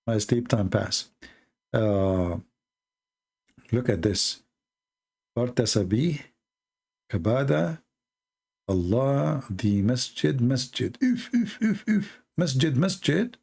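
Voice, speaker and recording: Slow, gravelly man mocking on a stream. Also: medium pitch, expressive, a little mellow. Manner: mocking, halting, with sarcastic asides. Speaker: online debate streamer. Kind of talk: late-night livestream commentary.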